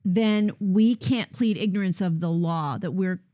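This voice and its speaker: A woman leads a Bible study discussion in a conversational, explanatory way. She pauses to rephrase her points as she goes, at an average pitch. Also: warm tone. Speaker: host leading a Bible discussion.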